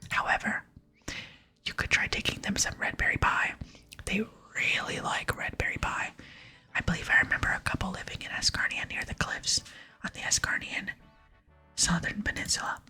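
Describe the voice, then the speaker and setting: An ASMR gaming channel host, a woman, whispers video game dialogue aloud, reading in a soft, slow, hushed way.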